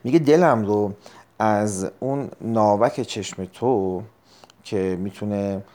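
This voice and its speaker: Guy going over grammar test answers, mellow low-key voice, lots of uh and throat clearing. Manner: explains step by step, repeats key terms; frequent throat clearing and hesitations. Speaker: teacher. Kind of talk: recorded test-prep lesson.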